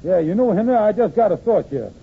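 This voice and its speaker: A man's voice: high-pitched, animated, fast talker, vocal fry, husky, heavily acted. A man playing a blustering, scheming henpecked husband in an old-time AM radio comedy, speaking a folksy ungrammatical dialect. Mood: worried, scheming. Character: blustering, henpecked lodge-leader husband, scheming and easily cowed. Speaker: comic actor. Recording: tinny, noisy old AM radio recording.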